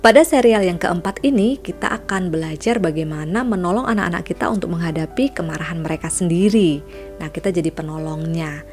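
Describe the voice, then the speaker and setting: A woman child counselor giving a parenting lesson in a calm, gentle way, often dropping to a soft whisper. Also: fairly low pitch, brisk, soft background music.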